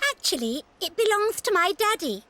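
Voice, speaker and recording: Casting: smug posh cartoon girl, gloating and haughty, animated pitch, music underneath. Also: normal speed. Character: snobbish, smug posh little rich girl. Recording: music behind the dialogue.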